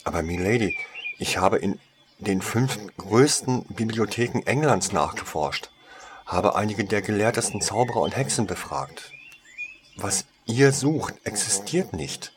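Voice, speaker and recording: A man voicing a female wand shop saleswoman who talks with eager, servile flattery in a storybook reading. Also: lowish voice, measured pace, background noise.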